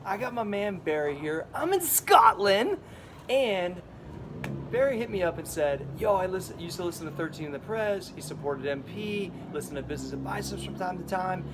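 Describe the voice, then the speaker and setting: Hyped fitness vlogger, outdoor street noise. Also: male voice, high voice, fast talker, few pauses. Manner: energetic, hyped and enthusiastic. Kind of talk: casual vlog chat.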